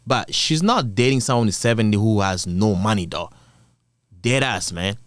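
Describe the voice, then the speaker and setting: A man's voice: on the low side, animated, normal speed, no room sound. A man hosting a drama channel, giving casual, blunt, slangy reaction commentary with repeated rhetorical questions.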